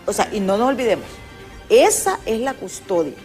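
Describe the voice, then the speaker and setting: A woman's voice: medium pitch, big pitch swings, normal speed, darkish tone, faint music behind. An older Honduran woman hosting a political talk show, speaking emphatically and giving firm opinions. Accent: Honduran Spanish. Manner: emphatic, opinionated, addresses viewers directly. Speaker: host.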